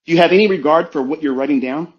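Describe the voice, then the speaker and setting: A man's voice: a little high, fast talker, lo-fi sound. A man coaching traders in a blunt, preachy, profane motivational talk on a live audio space. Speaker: trading coach.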